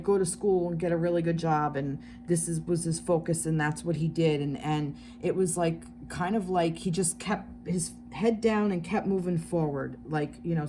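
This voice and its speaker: A woman's voice: lowish voice, mellow, a little hiss or hum. A woman with a New Jersey accent giving a casual tarot reading, rambling along with many fillers, restarts and the odd swear word. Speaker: tarot reader.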